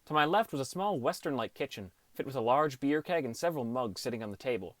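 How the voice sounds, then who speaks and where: A man's voice: mid-range voice, expressive, fast talker, fairly bright tone, dry recording, lightly acted. An actor playing a downcast teenage boy who narrates his gaming adventure in an understated, wry first-person audiobook style. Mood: reflective narration. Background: music.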